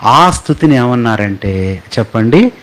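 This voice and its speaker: A man preaching a sermon to a congregation in a church, asking them questions, having them repeat words and spelling terms out slowly, with loud high exclamations. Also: sing-song, rough recording. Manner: spells out terms letter by letter, slow and drawn out; rises much higher and louder on exclamations. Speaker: pastor.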